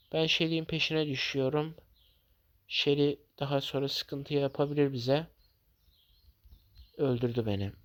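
A young man giving casual gameplay commentary, excitable and quick to rant and swear at his teammates. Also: medium pitch. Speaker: gamer commentating his own match.

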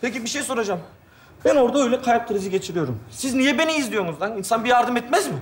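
A man acting in a stage comedy sketch as an exasperated father who shouts his complaints. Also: very high voice, animated, racing, a little hiss or hum.

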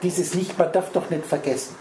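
Guy rambling through a spiritual lecture, mellow low voice, echoey room. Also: fairly even intonation, moderate pace, slight background noise. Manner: rambling, addresses listeners directly with wordplay. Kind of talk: spiritual lecture to a small audience.

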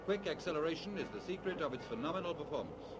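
British male, old 1940s newsreel narrator, animated and promotional, loud music behind. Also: fairly high pitch, fast talker. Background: loud background music.

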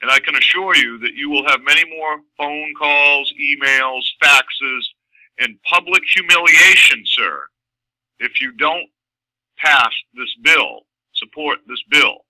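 A man's voice: a little high, expressive, slow, pushed and bright, no room sound, low-quality recording. A man activist leaving a stern, confrontational voicemail, formally addressing the listener as sir. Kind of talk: phone message.

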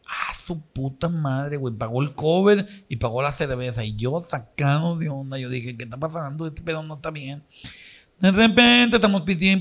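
Mexican guy doing stand-up, slangy, keeps jumping into squeaky high voices for the dialogue. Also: fairly bright tone. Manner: slangy, repeats a catchphrase, acts out dialogue with sudden high squeaky bursts. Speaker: comedian telling a joke. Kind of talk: stand-up joke telling.

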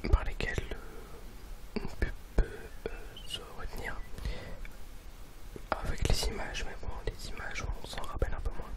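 An ASMR presenter whispering close to the microphone, right in the listener's ear, in a hesitant, halting way that often repeats words. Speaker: ASMR video maker and presenter. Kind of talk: whispered ASMR video talk.

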